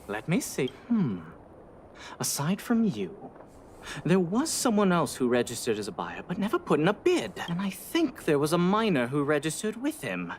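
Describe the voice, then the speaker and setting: A flustered game staffer. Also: female voice, low-pitched, wildly swooping pitch, normal speed, slight background noise. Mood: thinking. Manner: nervous, stammering. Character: flustered female auction staffer. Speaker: auction staff member. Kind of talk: video game voice acting.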